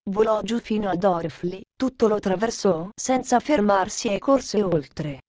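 A woman narrating a classic children's story in a calm, measured reading. Her voice sits at a middle pitch. The recording is close and dry, with no room around it. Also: dry recording.

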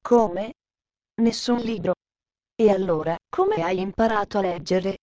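A woman's voice: medium pitch, measured pace, dull audio, crowd noise, lightly acted. A woman voicing a stern, strict middle-aged governess who scolds with severe questions, read close to her own voice.

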